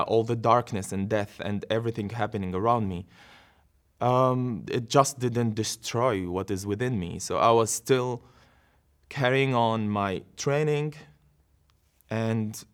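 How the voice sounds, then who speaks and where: Earnest Syrian man telling his story. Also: lowish voice. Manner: earnest, reflective, with short laughs and restarts. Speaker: interview guest, dancer. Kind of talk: personal storytelling in an interview.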